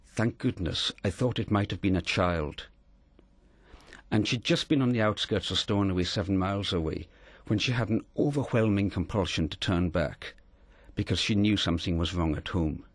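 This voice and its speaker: A middle-aged man from Scotland, telling a personal story in an earnest, measured way as an interview guest. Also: sits low, no echo.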